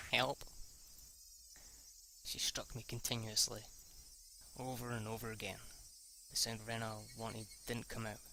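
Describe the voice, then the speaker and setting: There's slight background noise as a man with a mid-range voice, vocal fry, and a pushed, bright sound reads a visual novel aloud as an amateur let's player. His narration stumbles and restarts, with lines reread, and his off-the-cuff reactions are casually foul-mouthed.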